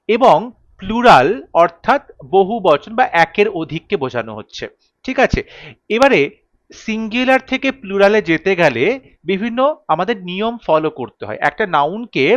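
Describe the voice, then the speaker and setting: A man's voice: high voice, fairly bright tone, dry recording. A man with a Bengali accent teaching an English grammar lesson, patiently spelling out letters and repeating word pairs. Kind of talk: lesson explanation.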